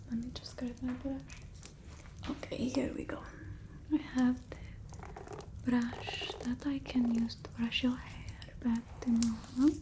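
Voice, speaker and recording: Fairly high-pitched and breathy, the woman's vampire mistress speaks slowly, often in whispers, as she gently scolds the human familiar she bossily dotes on. The halting, matter-of-fact ASMR performance blends soft talk and whispering, with a little hiss or hum audible.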